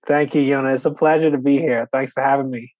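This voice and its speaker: A young man from the Bahamas, talking as a podcast guest in a mid-pitched voice. He tells his story easily and casually, filling his lines with "you know" and "like". The sound is dry and close, with no room around it. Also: fairly even intonation, fast, a little mellow, no echo. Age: 20s. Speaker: podcast guest, real estate investor. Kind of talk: conversational interview.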